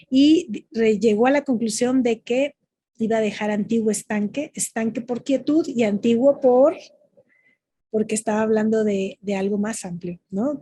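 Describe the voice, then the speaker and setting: A woman's voice: fairly high pitch, warm tone, slightly rough. A woman with a Mexican Spanish accent teaching young people the rules of haiku, explaining step by step and answering her own questions. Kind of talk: online lesson explaining poetry rules.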